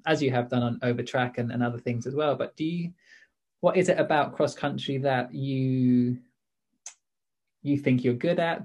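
A man's voice: medium pitch, darkish tone. Man interviewing, tentative and informal. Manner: tentative, rephrasing questions.

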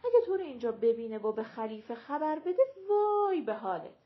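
A woman voicing a quarrelsome, mocking male clown of folk comic theater in an audiobook, talking loud and sing-song. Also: on the high side, sing-song, dull audio. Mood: scheming.

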